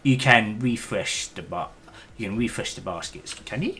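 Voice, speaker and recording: A man's voice: fairly low pitch, moderate pace, fairly bright tone. A man streaming a game, chatting casually with hesitant, rambling talk and the odd swear. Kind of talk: casual gaming stream chat.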